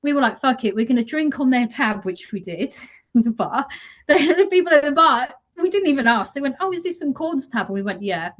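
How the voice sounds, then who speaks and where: A British woman journalist telling stories as a podcast guest, animated, laughing and swearing freely. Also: sits high, brisk. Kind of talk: casual anecdotal chat.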